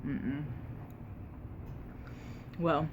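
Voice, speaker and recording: A woman tells a casual, unhurried story while eating, pausing to chew and sometimes talking with her mouth full, with emphatic retelling. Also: low-pitched, fairly even intonation, phone-quality sound, background noise. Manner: unhurried, conversational, emphatic retelling with quoted exchanges. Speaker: mukbang vlogger.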